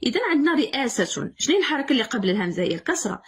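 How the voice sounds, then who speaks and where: Husky Moroccan woman teaching grammar. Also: high voice, big pitch swings, very fast. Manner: repeats key words, asks and answers own questions. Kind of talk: exam correction lesson.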